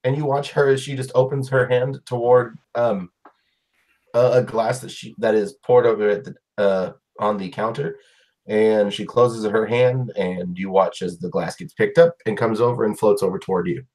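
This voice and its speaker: Halting male game master narrating. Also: on the low side, steady tone, darkish tone. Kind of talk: improvised tabletop game narration.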